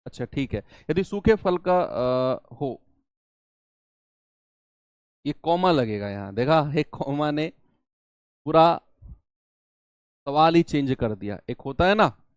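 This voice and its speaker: A man's voice: fairly high pitch, expressive, takes it slowly, long pauses, smooth, no echo, studio quality. A young man teaching an exam-prep maths lesson, asking students questions and answering them himself step by step. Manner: talks students through each step, asks and answers own questions.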